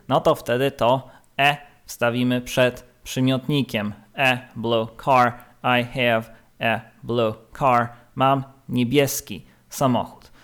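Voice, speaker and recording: A man teaching English grammar in Polish, with a Polish accent, slowly repeating words for his students to drill. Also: medium pitch. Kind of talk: grammar lesson.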